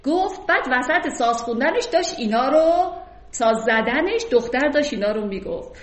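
A woman teaching a lesson on classical poetry. She recites the verses slowly and then explains them in casual everyday speech. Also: sits high, expressive. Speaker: literature teacher. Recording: roomy echo.

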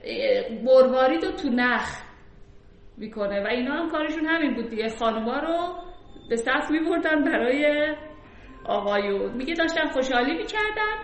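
Brief: fairly high-voiced woman teacher, reads poetry slowly and chats through its meaning, echoey room. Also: expressive. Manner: recites verses slowly, then explains in casual speech. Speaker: literature teacher. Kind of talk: poetry lesson, reciting and explaining verses. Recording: roomy echo.

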